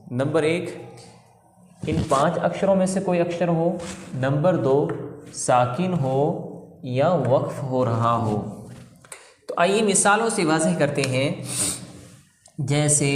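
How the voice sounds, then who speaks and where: Male tajweed teacher, slow patient drilling, fairly high voice, roomy echoing room. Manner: slow, patient, repeating letters and drilling sounds. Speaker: Quran recitation teacher. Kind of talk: step-by-step tajweed lesson.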